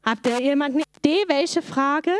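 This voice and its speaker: Brief: woman, high voice, dry close sound, animated children's Bible teacher who quizzes the kids. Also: moderate pace, dry recording. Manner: lively storytelling, asks the children questions.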